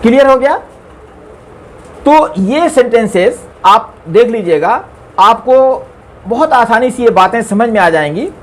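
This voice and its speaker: A man teaching English grammar, explaining slowly and reading the English examples out word by word. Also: very high voice, animated. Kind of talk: explaining a grammar lesson on screen.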